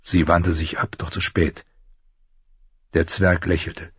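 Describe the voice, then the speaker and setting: Husky low male audiobook narrator. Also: takes it slowly, dry recording, highs cut off. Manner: expressive storytelling, does all voices. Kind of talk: scripted narration.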